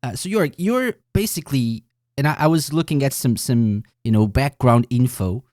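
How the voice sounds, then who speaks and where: A man's voice: medium pitch, animated, normal speed, darkish tone, no room sound, clean studio sound. A man hosting a podcast, reading a scripted intro and then chatting with a guest in an upbeat way. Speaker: podcast host. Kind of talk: scripted intro then casual interview chat.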